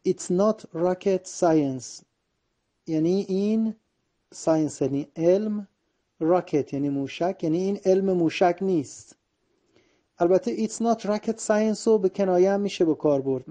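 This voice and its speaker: A man whose first language is Persian teaching everyday English phrases, saying each phrase slowly and then explaining it quickly in Persian. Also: high-pitched, warm tone.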